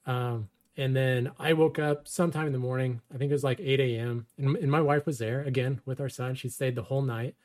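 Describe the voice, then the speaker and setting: A man's voice: mid-range voice, fairly even intonation, brisk, few pauses, a little mellow. A man in his thirties casually telling a personal story, wry and self-deprecating, laughing often. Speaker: storyteller guest.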